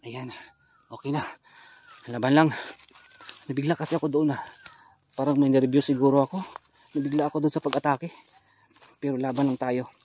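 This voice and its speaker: A ghost-hunting vlogger with a Filipino accent talks straight to his audience, sounding shaken and startled. His voice is mid-range and a little mellow. He's out in rural brush at night, where crickets chirp amid slight background noise.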